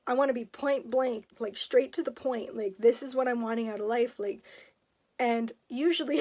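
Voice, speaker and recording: A woman in her thirties speaking in a personal confessional to camera, emotional and halting, often choked up. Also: a little high, darkish tone. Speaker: vlogger.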